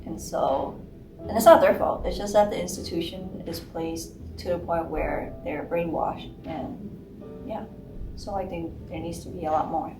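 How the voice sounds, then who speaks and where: A young adult woman gives emphatic answers, sprinkled with fillers. Her voice is slightly low. Guitar plays clearly behind her in a roomy, echoing space. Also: measured pace. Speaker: student interviewee. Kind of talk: casual interview answer.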